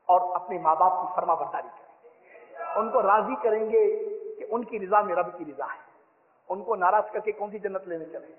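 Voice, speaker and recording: A man preaching a sermon, rousing and repetitive, leading the listeners in vows. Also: high-pitched. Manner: rousing, repetitive exhortation, leads the crowd in vows. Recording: echoey hall, tinny phone-like sound.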